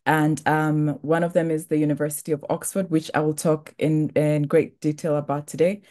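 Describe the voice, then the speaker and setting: A young woman from Tanzania presenting a scholarship program in a webinar, speaking in a measured way with frequent "um" and "uh" fillers. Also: low-pitched, little pitch movement, dark tone.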